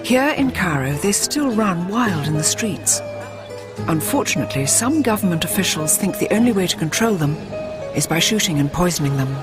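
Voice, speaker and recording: A woman presenter giving a dramatic, scripted nature documentary narration. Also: lowish voice. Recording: music behind the voice.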